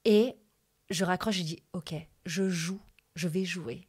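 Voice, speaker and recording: Young woman guest from the alps, low-ish voice, rambling and heartfelt storyteller. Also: slow, slightly rough. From France, Hautes-Alpes. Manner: chatty and lively, with many fillers and asides to the host. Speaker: guest telling her life story. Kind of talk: casual emotional storytelling.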